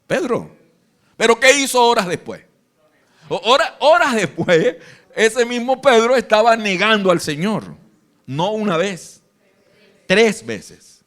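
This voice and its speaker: A man with a Venezuelan accent preaching a lively sermon live in church, acting out the Bible scenes in different voices. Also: high voice, takes it slowly, pauses often. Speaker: pastor. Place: church hall.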